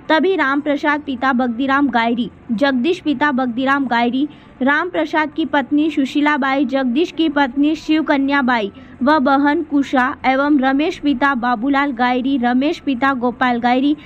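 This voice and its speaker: A woman reading a scripted regional news report as a voice-over, in a brisk, even newsreader delivery. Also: sits high, slight background noise. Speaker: news reader. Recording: slightly dull lo-fi audio.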